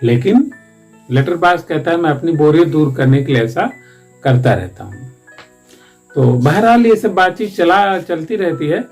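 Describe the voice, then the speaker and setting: A man's voice: on the high side, lively intonation, normal speed, darkish tone, faint music behind. A man, a teacher, explaining the story of a one-act play from a Hindi textbook in a loose, rambling way with frequent restarts.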